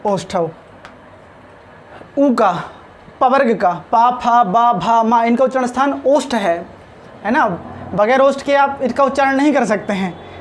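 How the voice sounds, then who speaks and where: Male teacher, unhurried lesson delivery, enunciates every sound, faint room ambience. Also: very high voice, a little hiss or hum. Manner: slow and deliberate, sounding out each letter. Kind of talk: spoken lesson on pronunciation.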